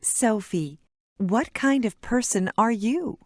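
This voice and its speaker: A woman voicing a friendly English teacher addressing her class in a scripted textbook recording, speaking clearly and deliberately. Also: on the high side, expressive, darkish tone, dry recording, studio quality, exaggerated voice. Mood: warm.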